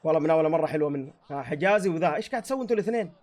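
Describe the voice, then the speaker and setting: A man's voice: on the high side, animated, racing, darkish tone. A man giving a live football match reaction, exclaiming and heckling the players into his own microphone. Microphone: own desk microphone.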